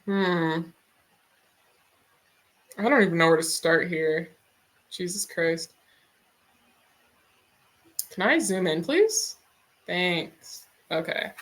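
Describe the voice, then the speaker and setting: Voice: mid-range voice, animated, drawn-out words, pauses often, fairly bright tone. A streamer in a casual drawing stream, musing aloud and swearing casually.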